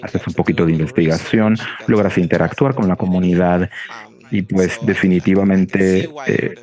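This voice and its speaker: Male, low-pitched, live interpreter, panel webinar, halting phrase-by-phrase delivery, uneven flow. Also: steady tone, a little mellow.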